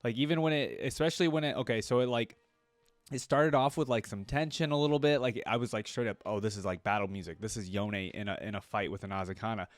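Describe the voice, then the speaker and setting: This man's voice is lowish and quick, captured in a dry recording. As a video creator, he gives informal, excited reaction commentary, exclaiming over the track under review, whose orchestral music sounds behind him.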